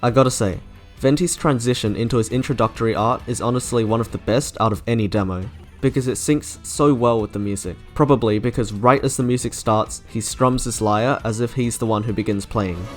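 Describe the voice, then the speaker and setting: A man hosts a video reviewing game character trailers, reading scripted commentary a little fast in a mid-range voice. Background music plays beneath him.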